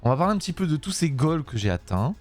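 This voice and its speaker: A man streaming live, chatting casually with a voice worn out and hoarse, rambling with many fillers and the odd curse. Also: a little high, big pitch swings, fast talker. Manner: rambling, swears at his software, frequent fillers and laughs.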